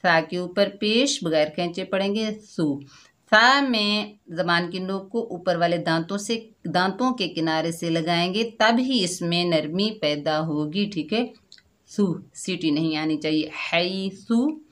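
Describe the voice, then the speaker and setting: A woman teaching Quran recitation word by word, patient and explanatory, slowing to draw out each recited word. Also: fairly low pitch, a bit bright. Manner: patient and explanatory, often adding a checking "theek hai"; slows and draws out the recited words. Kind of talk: slow word-by-word recitation lesson.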